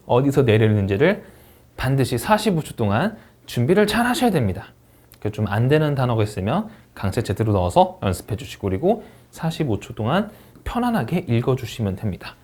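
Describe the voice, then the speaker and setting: A man's voice: medium pitch, very animated, fairly quick, a little mellow. A middle-aged man teaching an online speaking-test prep lesson, explaining scoring rules emphatically and reading English words aloud for students to repeat. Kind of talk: online exam-prep lecture.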